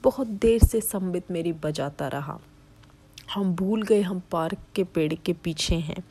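A woman telling a first-person story in a hushed whisper. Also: fairly low pitch, unhurried, slightly rough.

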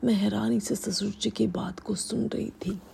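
A woman narrating a first-person story in a steady, intimate whisper. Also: medium pitch, moderate pace, gravelly, slight background noise.

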